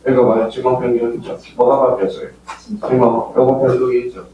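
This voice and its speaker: An older man from Korea's Gyeongsang region, speaking with a Gyeongsang accent, lectures exam students in a lecture hall with live students and quizzes them constantly. His medium-pitched voice is flat and fairly quick. Recorded from a distance, the audio is dull, with a very echoey hall and a faint hum.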